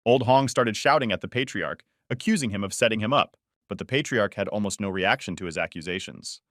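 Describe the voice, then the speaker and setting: Male narrator for story recaps; low-ish, dry, even delivery. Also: fairly quick, dry recording.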